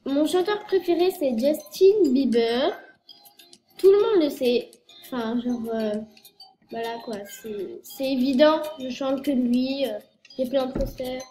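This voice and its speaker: A woman's voice: high voice, lively intonation, slow, dark tone, soft background music. A girl in her early teens from France, rambling through a casual vlog with lots of fillers and self-corrections, her nose stuffed up from a cold. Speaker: youtuber. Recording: echoey room with faint noise.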